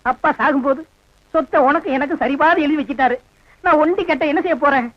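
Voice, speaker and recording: An actor playing a gloomy brother-in-law who speaks in a plaintive, mock-tragic way. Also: male voice, very high-pitched, a little fast, dry recording. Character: big gloomy brother-in-law with a dog obsession. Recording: dull lo-fi film soundtrack.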